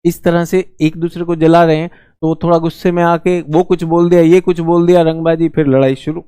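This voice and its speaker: A man teaching a lively, joking exam-prep lesson, now and then slipping into brief mock voices. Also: fairly high pitch, a little fast, smooth, no room sound, studio quality.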